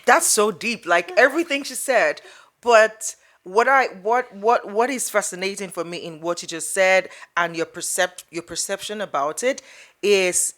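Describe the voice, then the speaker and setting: A woman's voice: mid-range voice, measured pace, fairly bright tone. A woman hosting a casual interview, asking curious, appreciative questions and often restarting her sentences mid-thought. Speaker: podcast host.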